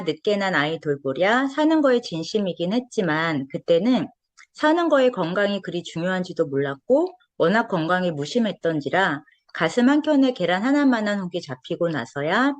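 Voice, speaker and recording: A woman in her forties, speaking as a lecturer, gives an earnest testimonial that unfolds like a story. Her voice is lowish, and the recording is close and dry with no echo.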